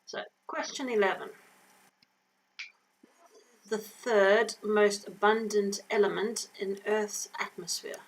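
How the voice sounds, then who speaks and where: Slow, gravelly-voiced woman co-hosting. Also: mid-range voice, fairly even intonation, low-quality recording. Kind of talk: casual quiz reading.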